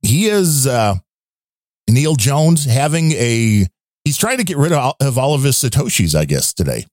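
A man's voice: mid-range voice, sing-song, normal speed, a little mellow, no echo. A chatty man with a mid-range voice, co-hosting a podcast and reading donor thanks. He rambles with wry asides, and his voice sounds dry and close. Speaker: podcast co-host.

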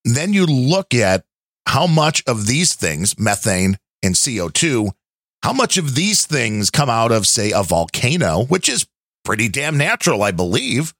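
A man hosts a casual podcast chat at a middling pitch. His delivery is lively, with plenty of rise and fall, and it is recorded close and dry with no room sound. He builds loose, skeptical explanations as he talks. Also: a little slow, no room sound. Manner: conversational, skeptical, wandering explanations. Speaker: podcast host.

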